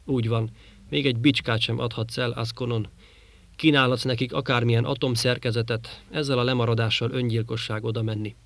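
A gruff, grumbling space merchant who snaps at his visitor, as a man narrating the story puts him on. The voice sits at an ordinary male pitch and sounds dry and close. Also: fairly even intonation, no room sound, lightly acted. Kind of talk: audiobook character voice.

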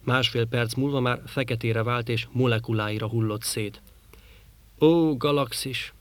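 A man reading a science fiction story aloud in a measured storytelling manner. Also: medium pitch, flat delivery, fairly bright tone. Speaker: audiobook narrator. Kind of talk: scripted narration.

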